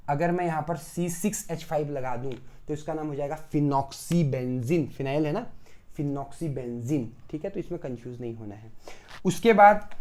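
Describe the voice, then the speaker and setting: Man teaching with loud and soft swings. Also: fairly high pitch. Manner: asks the class questions and answers them himself; repeats key terms several times in a row. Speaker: pharmacy chemistry teacher. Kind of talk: recorded classroom-style lecture.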